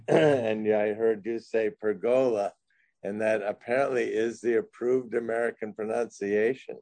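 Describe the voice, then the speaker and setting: Man, low mellow voice, playful pedant, stumbling starts, dry sound. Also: steady tone, moderate pace, dry recording. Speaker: board member asking questions. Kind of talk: meeting discussion.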